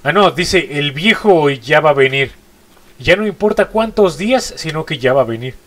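Stuffy-nosed Mexican gamer, jumpy. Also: male voice, fairly high pitch, expressive, normal speed, a bit bright. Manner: jumpy, repeats short exclamations. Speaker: gaming YouTuber. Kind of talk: horror gameplay commentary.

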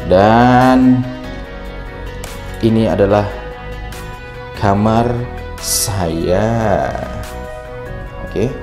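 A man's voice: on the low side, drawn-out words, pauses often. A tired man vlogging casually in a bare room with a strong echo, chatting to his viewers as friends. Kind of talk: casual vlog chat, room tour. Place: bare, echoey new rented house, indoors. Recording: echoey bare room, faint music.

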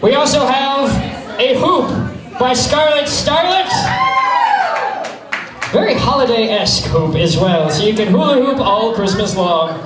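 A man's voice: extremely high pitch, lively intonation, measured pace, long pauses, music in the background. A man hosting a burlesque show on stage, projecting into a handheld microphone with bawdy, teasing, profane showman's patter. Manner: projecting loudly to a live audience. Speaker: burlesque show host and raffle emcee. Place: on stage in a theatre-like venue. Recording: echoey hall from far off, loud crowd.

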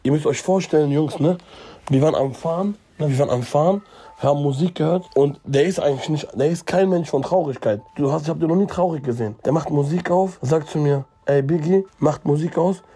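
Young man, husky mellow voice, casual chatty storyteller to camera. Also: on the high side, fairly quick. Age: 20s. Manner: chatty, addresses viewers as guys, fills with "ne?". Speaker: YouTuber telling a story.

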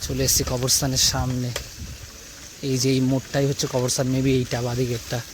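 A man's voice: mid-range voice, level tone, normal speed, noisy background. A young man, vlogging as he walks down a rainy street at night, anxious as he talks to the camera. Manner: anxious, talking to the camera while walking. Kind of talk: casual vlog narration.

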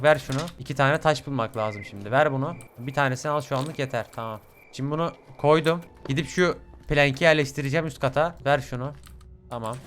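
Commentating a horror game for his YouTube let's play, a young man speaks in a mid-range voice over slight background noise. Expect frequent swearing, plus yelling and shrieking at the jumpscares.

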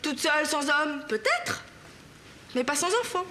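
An actress playing a smug, sharp-tongued young woman who teases and boasts at her sister in a TV sitcom. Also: high voice, sing-song, unhurried, heavily acted. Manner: teasing, boastful, catty. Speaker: sitcom character. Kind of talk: 1990s TV sitcom acting. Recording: TV sitcom audio with background noise.

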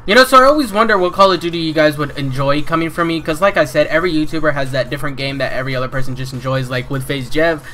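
Man, gaming YouTuber, casual gameplay commentary, heavy swearing, angry shouting bursts, bright tense voice. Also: on the high side, steady tone, fast talker, hardly any pauses, slight background noise.

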